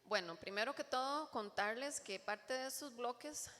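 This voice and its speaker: Woman church-class teacher, casual and joking, bright tone. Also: on the high side, moderate pace. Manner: chatty and joking, with asides to the room. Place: church hall. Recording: long hall reverb.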